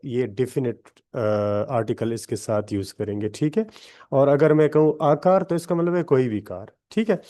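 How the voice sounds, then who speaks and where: A man's voice: medium pitch, warm tone. A male English teacher, running an online grammar class and explaining step by step while checking in with his students again and again. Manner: explains step by step, keeps checking in with "theek hai". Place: online class on a video call.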